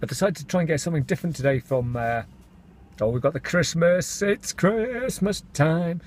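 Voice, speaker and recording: A man's voice: on the high side, expressive, normal speed, slight background noise. A middle-aged man, born in Scotland and raised in England, chatting casually to camera in a daily vlog, self-mocking and calling his viewers folks. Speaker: vlogger.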